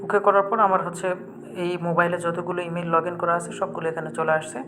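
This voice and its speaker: A tech tutorial host with a Bangladeshi accent walks through an app step by step, talking quickly in a high-pitched voice. He keeps a flat, instructional delivery. Background music plays clearly behind him.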